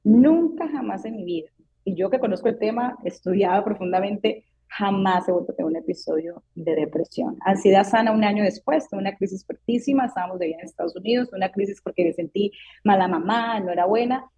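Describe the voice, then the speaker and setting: A woman's voice: mid-range voice, a little fast, mellow, slightly rough, low-quality recording. A woman in her thirties, a psychologist guest in an interview, earnestly telling her own story and acting out the voices she quotes. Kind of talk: personal testimony in a podcast interview.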